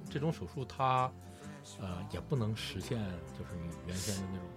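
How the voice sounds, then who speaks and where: A man's voice: fairly low pitch, animated, fairly quick. A man speaking as a dental expert in a casual chat, explaining and advising step by step. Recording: music playing behind the talk.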